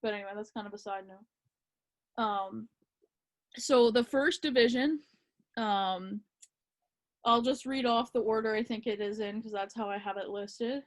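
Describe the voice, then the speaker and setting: A woman talks hockey on a casual podcast, her voice sitting a little on the high side. She is relaxed and a bit hesitant, often filling pauses with ums. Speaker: podcast co-host.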